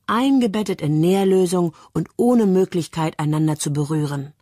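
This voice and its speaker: Woman reading a sharp, skeptical young sister. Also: on the low side, normal speed, dry recording, clean studio sound, natural voice. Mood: cutting.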